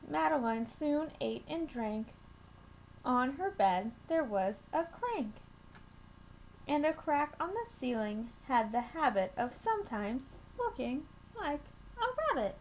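A young woman reading a picture book aloud to children, with measured, deliberate phrasing and expressive emphasis, recorded on a webcam mic in a small room. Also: sits high. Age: young adult. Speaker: children's storytime reader at a school. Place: small room at home, indoors. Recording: noisy home webcam recording.

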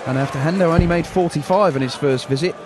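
Male darts play-by-play voice, higher than average, noisy arena behind. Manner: measured, analytical play-by-play. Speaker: darts commentator. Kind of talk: live sports commentary. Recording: loud arena crowd and noise behind.

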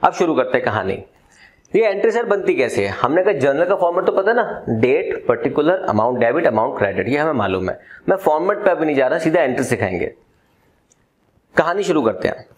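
Storytelling teacher, fairly high voice. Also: male voice, sing-song, a little fast, poor audio. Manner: storytelling, mixing Hindi and English. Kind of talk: classroom lesson.

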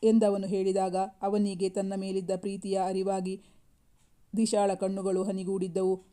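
A woman narrating a romantic story in a steady, measured reading voice. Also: medium pitch.

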